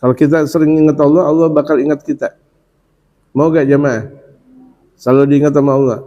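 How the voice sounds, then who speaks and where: A male preacher gives a Ramadan sermon in a lively, colloquial way with humorous asides, often chanting the same devout phrases again and again. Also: a little high, brisk. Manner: repetitive chanting of dhikr phrases. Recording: dull lo-fi recording.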